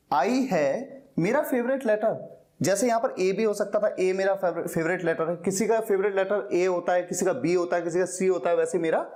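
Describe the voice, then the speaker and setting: A patient male teacher with a high-pitched, slightly mellow voice gives an explanatory classroom lecture step by step. He repeats words slowly to model pronunciation.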